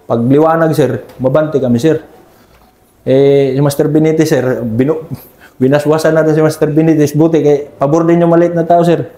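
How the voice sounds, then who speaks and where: A mellow-voiced man recounts combat memories in a respectful, unhurried way. He tacks "sir" onto almost every phrase. The sound carries a roomy echo. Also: a little high, steady tone. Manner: deferential, ends nearly every phrase with "sir". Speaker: army scout ranger team leader. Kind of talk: conversational war story interview.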